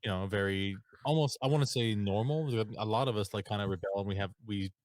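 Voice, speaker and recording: A man hosting a podcast, asking his guest easygoing, halting questions in casual chat. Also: lowish voice, no echo. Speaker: podcast host.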